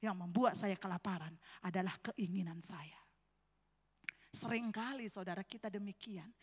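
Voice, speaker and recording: A woman preacher giving an animated sermon in a church, switching between loud exclamations and quiet, low asides while often addressing the congregation. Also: moderate pace. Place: church sanctuary. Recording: reverberant church hall.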